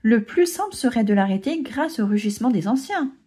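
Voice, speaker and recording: A woman's voice: on the high side, lively intonation, a little fast, dark tone, breathy edge. A woman reading a storybook aloud, voicing an earnest, worried young male lion cub. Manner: earnest, anxious.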